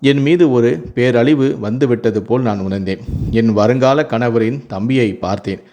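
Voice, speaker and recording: A male storyteller with a mid-pitched voice reads a first-person tale aloud. His delivery is steady and even throughout. Plain scripted storybook narration. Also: moderate pace.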